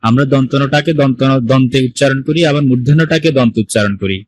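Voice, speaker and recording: A man leads an online pronunciation lesson, patiently working through each point and asking his students questions as he goes. His voice sits at an ordinary middle pitch. The sound is dry and close, as if from a computer mic on a call. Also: fast talker, dry recording, poor audio. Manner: patient, explains step by step with questions to the class. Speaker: Sanskrit teacher. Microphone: computer mic on a video call.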